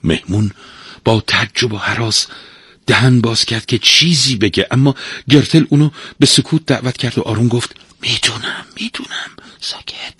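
A man narrating a storybook aloud, expressive and lively. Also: medium pitch, husky, no room sound.

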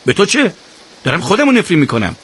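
A man doing a hoarse, moaning soldier with a cold. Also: sits high, wildly swooping pitch, a bit bright, voice pushed up, heavily acted. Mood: grumbling.

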